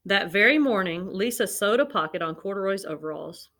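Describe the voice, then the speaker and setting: Woman, medium-pitched voice, children's read-aloud narration, expressive storytelling. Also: a little fast, slight background noise. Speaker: storybook reader.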